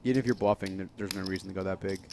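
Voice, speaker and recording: A man's voice: deep voice, fairly even intonation, very fast, darkish tone, slight background noise. A man with a New York accent giving casual, analytical live poker commentary. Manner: casual, analytical, restarts often.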